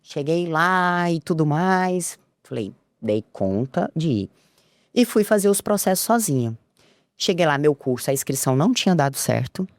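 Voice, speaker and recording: A woman's voice: lively intonation, normal speed, no echo. A woman, a podcast guest telling a personal story and acting out the dialogue. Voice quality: low voice. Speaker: interview guest.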